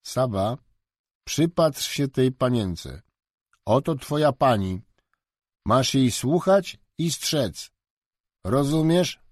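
A man reading aloud and voicing a genial, teasing middle-aged English gentleman, measured and mock-stern, a bit higher and louder than his narration. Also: animated, dry recording, studio quality. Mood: instructive.

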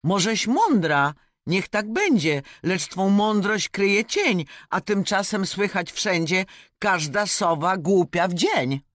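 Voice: mid-range voice, expressive, takes it slowly, dry recording, studio quality, pitched above the performer's own voice. A reader voicing a bold, witty old starling who teases in a spoken fable. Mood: mocking. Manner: teasing, sharp-witted.

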